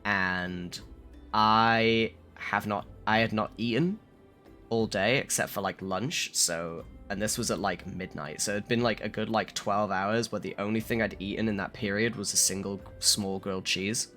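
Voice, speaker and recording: Hungover guy streamer chatting, lowish forceful voice, halting and sweary, music on. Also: fairly even intonation. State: hungover, slightly rough-voiced. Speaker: game streamer. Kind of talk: casual livestream chat.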